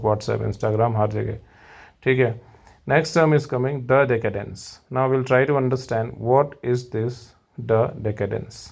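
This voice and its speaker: A man's voice: medium pitch, vocal fry, a little mellow. A man with an Indian accent teaching literary terms for an exam, switching between English and Hindi and repeating each point to his learners. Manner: explains, then repeats in Hindi, addresses learners. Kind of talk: exam-prep lecture, mixing English and Hindi.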